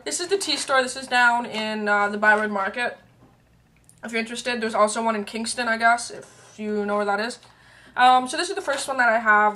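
There's a little hiss or hum as a young Canadian woman vlogs in a small room through a webcam at arm's length. She talks about beauty and tea in a chatty, rambling way with lots of fillers and asides, her bright, pushed, fairly high voice wearing out and fading.

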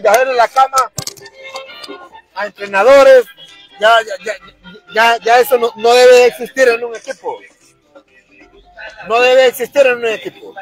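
Angry high-voiced Honduran man ranting. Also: a bit bright, low-quality recording. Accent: Honduran Spanish. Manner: fired-up, crude, repetitive ranting. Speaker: football fan vlogger. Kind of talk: angry fan rant to camera.

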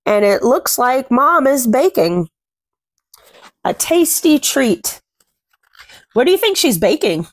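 A young woman host reads a picture book aloud to small children from a small indoor room at home, expressive and sing-song, talking about the story as she goes. Her high voice is very animated yet slow, with frequent pauses, on clean studio sound without room sound.

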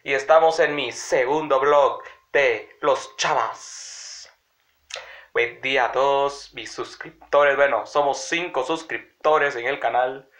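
This young man, early twenties and stuffed up with a cold, talks slowly to his phone camera at arm's length in a small room of his house. His voice is medium in pitch, fairly even and a bit bright, and his casual vlog rambles as he addresses viewers directly through dull lo-fi phone sound.

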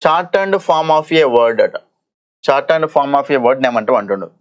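Lively man teaching exam English. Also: mid-range voice. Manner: explains in Telugu mixed with English terms, often asks "okay?"; reads English question text slowly and deliberately. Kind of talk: exam-prep lesson.

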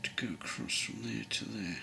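A middle-aged English man giving a relaxed modelling tutorial at his workbench, thinking aloud with many pauses and ums. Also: on the low side, gravelly, a little hiss or hum. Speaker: model railway builder. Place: workbench at home.

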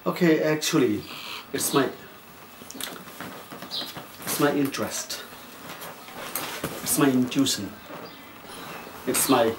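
Hesitant man from Nepal, echoey room. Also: medium pitch. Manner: measured, with frequent hesitations and fillers. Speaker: writer. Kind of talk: interview answers. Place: plain indoor room. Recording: echoey room with faint noise.

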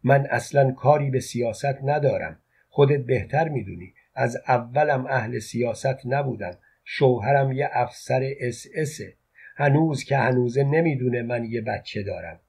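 Tender woman, an old flame, read by a husky man. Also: mid-range voice, a little mellow. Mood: pleading.

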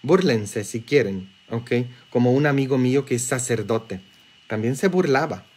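A man with a Mexican Spanish accent, preaching a sermon as a priest in a joking, conversational way with quick asides. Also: medium pitch, lively intonation, a little mellow, breathy edge.

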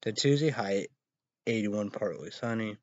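A man in his thirties with a fairly low pitch hosts a rambling solo online show, haltingly reading weather and news headlines, spelling out words, repeating phrases and suddenly exclaiming loudly. He's recording in a small, dim room indoors. A webcam or laptop mic at arm's length delivers dull, lo-fi audio.

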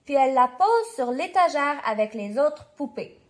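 A woman reading a children's bedtime story aloud, lively and clear, doing voices for the characters. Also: high voice, moderate pace. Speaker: storybook reader.

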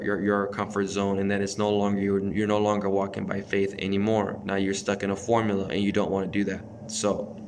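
A man's voice: fairly low pitch, a little hiss or hum. A man in his thirties giving an informal sermon to camera from a small bedroom, earnest and exhorting, with many restarts and fillers. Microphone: phone or webcam close up.

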